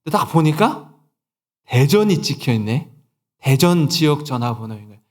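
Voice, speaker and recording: A man in his forties, a pastor from Seoul, preaching a sermon and telling a personal story with quoted dialogue and lively emphasis. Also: fairly high pitch, normal speed. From Seoul, South Korea. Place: church sanctuary.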